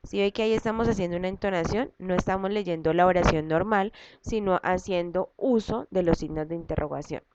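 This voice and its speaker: Woman teacher walking pupils through a lesson step by step, patient and repetitive; muffled low-fi recording. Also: a little fast, few pauses. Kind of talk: recorded class lesson for students. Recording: dull lo-fi audio with loud background noise and clicks.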